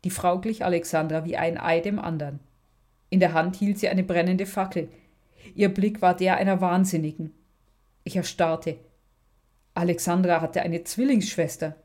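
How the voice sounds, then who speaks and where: A woman narrating a story in the first person with a measured, even reading. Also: fairly low pitch.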